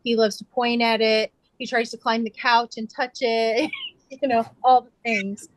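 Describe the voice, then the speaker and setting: A woman's voice: on the high side, flat delivery, measured pace, low-quality recording. A middle-aged woman chatting casually on a video call, telling rambling stories full of fillers and restarts. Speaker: quilter sharing her sewing. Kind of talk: casual chat.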